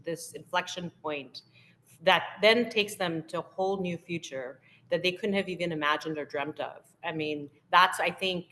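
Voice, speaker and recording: Guest: woman investor, low voice, earnest and emphatic, leans on rhetorical questions. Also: fairly bright tone. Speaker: podcast guest, impact investor. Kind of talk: conversational interview.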